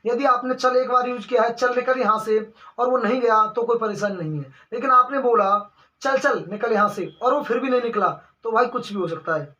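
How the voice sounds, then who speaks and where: Young male exam-prep tutor, bright sharp tone, repeats his points and keeps calling listeners brother. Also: very high voice, brisk. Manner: asks the class questions and answers them himself, repeating phrases; calls the listeners brother again and again. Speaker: teacher. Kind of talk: exam-prep Hindi grammar lesson. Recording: dull lo-fi recording.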